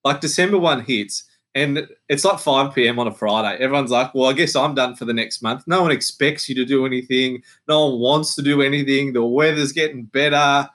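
Male podcaster, medium pitch, easygoing chatter, slips into mimicking voices. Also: a little fast, few pauses, fairly bright tone. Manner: chatty, acts out other people's lines. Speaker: podcaster guest. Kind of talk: casual chat.

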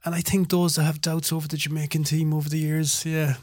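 A man's voice: on the high side, little pitch movement, fairly quick, darkish tone, no echo, clean studio sound. A man from Ireland chatting casually as a panellist on a sports podcast.

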